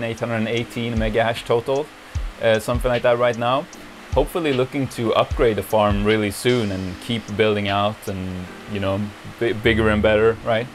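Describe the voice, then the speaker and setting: In a casual vlog walkthrough, a YouTuber in his twenties shows off the mining farm in his cluttered indoor workshop, filming on a camera held at arm's length. His voice sits lowish, and he rambles in a relaxed way, leaning heavily on "like" as filler.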